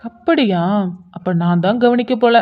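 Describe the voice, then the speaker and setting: A playful young college senior in a cartoon teases and needles with a grin. A woman puts him on. The voice sits fairly high with a dull, lo-fi sound. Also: moderate pace, natural voice. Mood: teasing. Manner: playful, teasing.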